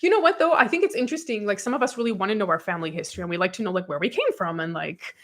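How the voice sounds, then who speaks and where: A woman in her thirties co-hosting a podcast, chatting casually and reading viewer comments aloud, animated and quick to laugh. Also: mid-range voice. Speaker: podcast co-host.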